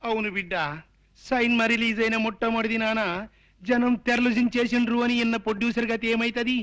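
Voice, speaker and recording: An actor playing an older father who fakes illness, speaking in a gruff rustic way with a Telangana accent, in film comedy dialogue. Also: extremely high pitch, flat delivery, fast, a bit bright. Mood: sly. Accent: Telangana Telugu.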